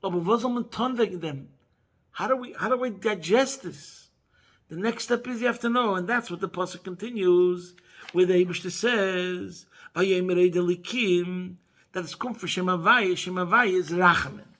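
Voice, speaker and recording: A man's voice: normal speed, fairly bright tone. A man teaching a Chassidic Torah class, mixing Yiddish and Hebrew phrases into English and rising to emphatic peaks. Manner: rises to emphatic high peaks.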